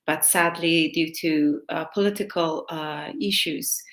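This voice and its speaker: Low-voiced woman, hesitant. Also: steady tone, a little slow, fairly bright tone. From Afghanistan. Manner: hesitant, many fillers and restarts. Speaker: panel guest, women's rights advocate. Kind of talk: online panel talk.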